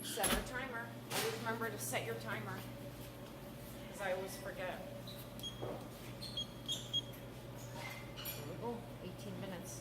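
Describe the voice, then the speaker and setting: A woman's voice: medium pitch, steady tone, brisk. A woman who runs a café, talking through a baking recipe in a friendly, instructive, chatty way in a kitchen. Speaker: café owner demonstrating a recipe. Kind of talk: casual cooking demonstration. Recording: echoey kitchen with loud background noise.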